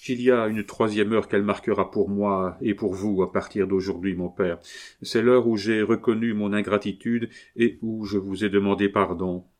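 A man's voice: lowish voice, steady tone, normal speed, a little mellow, lightly acted. A man reading aloud voices an emotional young man, a remorseful son who speaks to his father in a fervent, pleading way.

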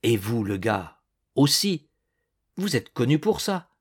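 A man voicing a young male farmhand who talks slowly and turns bitter and indignant. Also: medium pitch, big pitch swings, husky, full character voice. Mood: defiant. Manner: slow, then bitter and indignant. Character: young male farmhand, slow-spoken and defiant.

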